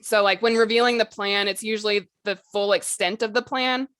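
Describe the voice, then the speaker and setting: Talking fairly quickly with fairly even intonation, a female podcast co-host shares tips on writing fiction in a casual, instructional way. She hedges informally, leaning on "like" and "you know," in a medium-pitched, slightly bright voice. The recording has no echo.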